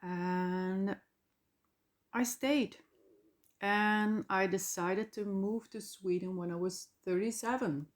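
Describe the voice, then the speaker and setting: Slow-talking Flemish woman in her forties. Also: mid-range voice, steady tone. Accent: Flemish Dutch. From Belgium, Flemish part. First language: Dutch. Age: 40s. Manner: rambling, self-correcting, with fillers and small laughs. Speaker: podcast host. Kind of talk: casual solo podcast monologue.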